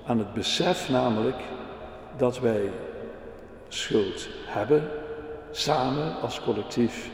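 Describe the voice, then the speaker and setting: A man preaching slowly and earnestly in a church, then telling a children's story. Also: medium pitch, slight background noise. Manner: slow, earnest, deliberate. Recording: echoey church hall with long reverb.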